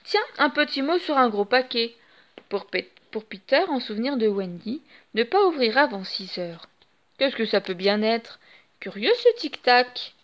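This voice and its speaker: A woman's voice: fairly high pitch, measured pace, dull audio. Peter Pan, a woman voicing a cheeky young boy. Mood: curious. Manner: lively, defiant.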